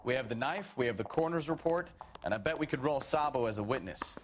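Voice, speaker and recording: A man's voice: medium pitch, animated, fast talker, noisy background, lightly acted. A man playing a brash, hard-boiled American beat cop in a period police drama game, with clipped cop talk. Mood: eager, hard.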